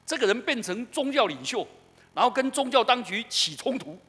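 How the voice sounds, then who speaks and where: A man's voice: very high-pitched, brisk, husky. A middle-aged man with a Taiwanese Mandarin accent, preaching a sermon and asking his congregation questions. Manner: animated, asks the congregation questions. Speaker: pastor. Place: church sanctuary. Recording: echoey church hall.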